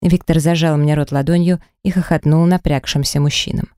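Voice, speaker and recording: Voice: mid-range voice, steady tone, fairly quick, dark tone, dry recording. A narrator reading a first-person romance audiobook dramatically and expressively into a close mic.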